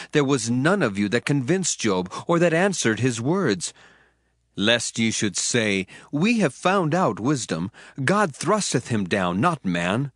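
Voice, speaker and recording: A man with a mid-range, fairly bright voice performs Elihu, the indignant youth impatient to have his say, in a dramatized scripture reading. His delivery is earnest with rising emphasis, and the dry recording has faint music beneath it.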